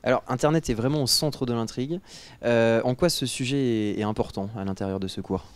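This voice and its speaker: A man's voice: medium pitch, fairly quick, no room sound. A man with a French accent from France, hosting a casual talk show. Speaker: host.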